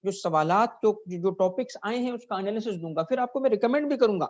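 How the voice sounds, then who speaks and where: A man's voice: high-pitched, expressive, a little fast. A man giving a classroom lecture, who keeps checking in with his students and asks them questions. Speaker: teacher. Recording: dull lo-fi recording.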